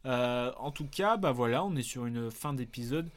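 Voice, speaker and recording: A man's voice: medium pitch, moderate pace. A man hosting a casual movie quiz podcast, teasing and joking with his co-host. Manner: teasing, jokey, lively swings in tone. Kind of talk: playful casual chat.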